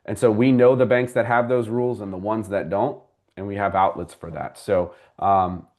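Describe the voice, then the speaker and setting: Low-voiced man explaining mortgages casually. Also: steady tone, moderate pace, a little mellow. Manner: conversational, explains step by step and addresses viewers by name. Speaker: mortgage broker and class host. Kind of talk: live class with audience questions.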